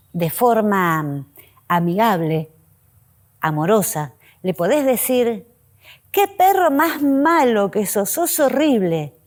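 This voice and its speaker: A woman speaks as the host of a reflective spiritual talk. Her delivery is unhurried and measured, at a mid pitch, with pausing, list-like phrases that often trail softly downward.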